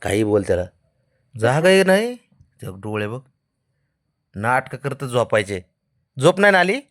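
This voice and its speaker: A man's voice: mid-range voice, big pitch swings, measured pace, a bit bright. A man speaking, chatting casually and teasingly to his pet cat, coaxing it and often raising his voice. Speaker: pet owner.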